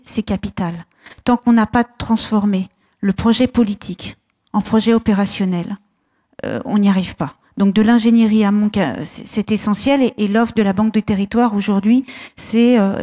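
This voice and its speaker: A woman's voice: mid-range voice, warm tone. Assured woman in a reverberant hall. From France. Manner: brisk, assured, with some restarts. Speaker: bank executive panelist. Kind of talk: panel debate answer.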